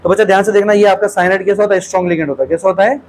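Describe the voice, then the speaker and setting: Male teacher, rapid exam-solution lecture, repeats answers back as questions, faint background noise. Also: sits high, fairly even intonation, poor audio. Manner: calls students "beta", asks and repeats answers.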